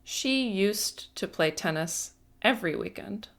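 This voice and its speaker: A woman teaching an English grammar lesson, speaking patiently and deliberately and stressing each word. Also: medium pitch, animated, gravelly, a bit bright. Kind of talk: slow, careful grammar lesson.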